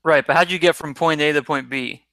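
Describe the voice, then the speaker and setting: Guy hosting a chatty interview, high-ish voice, dry sound, asks long rambly questions. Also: fairly even intonation, brisk, bright, forceful tone, no room sound. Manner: friendly, rambling questions with restarts. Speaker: interview host, former teacher. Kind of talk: casual video-call interview.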